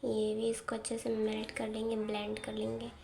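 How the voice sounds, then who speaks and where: A woman's voice: fairly high pitch, completely flat delivery, moderate pace, creaky, mellow, a little hiss or hum. Chatty giggly young woman vlogger. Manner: chatty, giggly, self-teasing. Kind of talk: casual vlog narration. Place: home, indoors.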